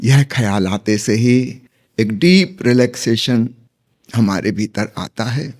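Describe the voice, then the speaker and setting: A man giving a calm spiritual discourse, explaining patiently with humorous stories. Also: mid-range voice, takes it slowly. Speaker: spiritual teacher.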